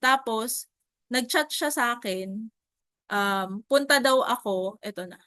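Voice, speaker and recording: A young Filipino woman telling a story about her work with clients in a chatty, animated way, often turning to her viewers. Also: a little high, slow pace, dry recording. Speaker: insurance agent. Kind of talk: casual storytelling vlog.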